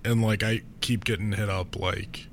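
A man co-hosting a podcast in casual, sweary chat, sounding rough and sick with flu. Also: lowish voice, steady tone, moderate pace. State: rough, under the weather with flu. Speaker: podcast co-host. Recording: noticeable background noise.

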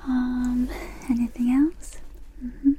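A woman whispers softly and close to the mic, unhurried in a gentle ASMR clinic roleplay. Her tone is dark and mellow, held flat with little rise and fall. A faint hum of room noise sits under her. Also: sits high, low-quality recording. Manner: soft unvoiced whisper, gentle and slow. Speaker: ASMR creator playing a clinician. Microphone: close sensitive mic.

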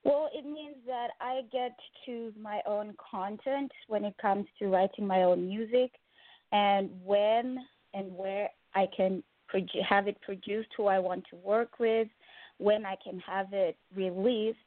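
A singer-songwriter from Zimbabwe, a woman, answering interview questions calmly and politely over the phone. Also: medium pitch, unhurried, no echo. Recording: tinny dry phone line.

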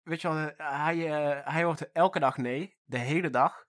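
A man's voice: a little high, unhurried. A young man telling stories in casual, slangy banter as a co-host. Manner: laid-back storytelling with street slang. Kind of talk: casual chat.

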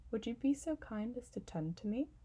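A woman's voice: on the high side, lively intonation, moderate pace, warm tone, breathy edge, voice pushed up, poor audio. A woman voicing a vain, delicate female flower who speaks sweetly and fussily in an audiobook. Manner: sweet, affected, fussy. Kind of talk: audiobook reading.

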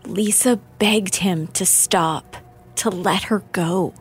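A woman narrating a documentary in a measured, deliberate, scripted way. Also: mid-range voice, soft background music.

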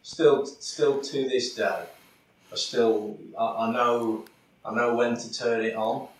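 A man's voice: medium pitch, steady tone, takes it slowly. Man, casual podcast chat, distant and roomy sound. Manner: chatty, full of fillers. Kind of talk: casual chat about angling. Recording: echoey, far from the mic, faint background noise.

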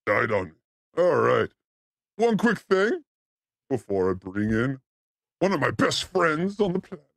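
A man hosting a chaotic comedy stream, joking around in a goofy voice that jumps between pitches. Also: sing-song, a little slow, creaky, no room sound, studio quality. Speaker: host.

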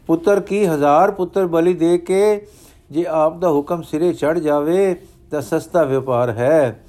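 A man reading the lines of a revered guru father, solemn and declamatory in a steady manner. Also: fairly high pitch, measured pace, natural voice.

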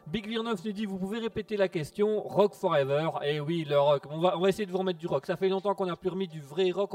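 A man hosting a casual radio show, reading out listener messages with relaxed jokes that trail off into low mutters. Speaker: radio host. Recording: distant mic with music behind.

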